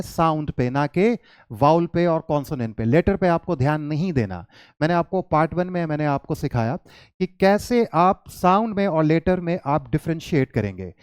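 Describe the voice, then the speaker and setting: A man's voice: a little high, a little mellow, clean tone, dry recording, studio quality. A man teaching English to children in a patient lesson, mixing Hindi with English words and answering his own questions. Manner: patient, repeats questions and answers them himself.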